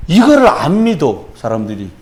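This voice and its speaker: Lively high-voiced man preaching. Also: moderate pace. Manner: animated, shouting out acted quotes then dropping to a hush; chuckles through his own stories. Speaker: pastor. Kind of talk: Friday evening sermon.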